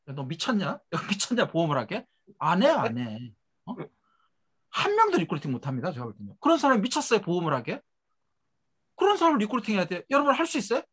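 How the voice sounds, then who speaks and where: Fast, animated man giving a sales pep talk. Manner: emphatic, rhetorical questions, tags trailing off low and quiet. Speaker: network marketing speaker. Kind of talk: motivational seminar lecture.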